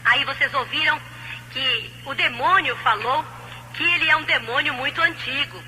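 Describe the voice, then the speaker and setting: High, bright Brazilian woman preaching on old cassette. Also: moderate pace, poor audio. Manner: admonishing, insistent. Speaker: Bible study teacher. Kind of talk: religious teaching, exhorting. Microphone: recorded on cassette. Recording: old cassette tape dub copy, hiss, hum.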